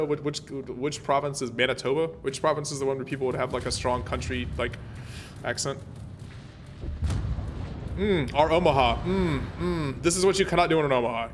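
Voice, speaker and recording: A man's voice: medium pitch, fairly bright tone, slight background noise. A man streaming a naval warship game, chatting casually and rambling with plenty of fillers and restarts. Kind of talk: casual gameplay commentary.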